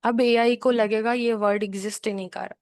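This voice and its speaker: A woman's voice: fairly high pitch, steady tone, a little fast, darkish tone, dry recording. A woman tutoring for an exam, explaining patiently and repeating herself, with frequent check-ins. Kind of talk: explanatory lesson, mixing English terms into her talk.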